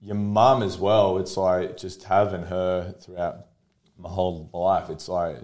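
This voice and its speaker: A man in his thirties with an Australian accent, talking candidly as a podcast guest. His voice sits on the lower side, and he tells personal stories in an open, easygoing way, often breaking into a laugh. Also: little pitch movement, unhurried, a little mellow. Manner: open, storytelling, laughs easily. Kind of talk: casual conversation.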